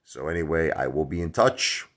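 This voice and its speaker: A man, chatting rambly to his phone camera in a dark room at home. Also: a bass voice, normal speed. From Brooklyn, New York. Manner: rambling, chatty, many fillers. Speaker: stock vlogger. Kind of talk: casual chat to camera. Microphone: phone at arm's length.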